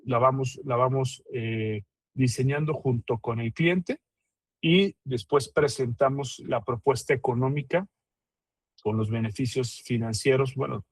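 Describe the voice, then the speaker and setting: Male consultant, mid-pitched, dry audio, stop-start business presentation. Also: no echo. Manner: halting, many fillers and repeated words. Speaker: IT consultant presenting his company. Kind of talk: webinar presentation.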